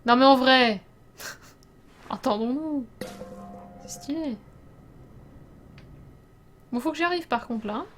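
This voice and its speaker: A young woman streaming a game, chatting casually with her viewers, laughing often and sometimes breaking into loud startled outbursts. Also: a little high. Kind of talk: casual let's play commentary.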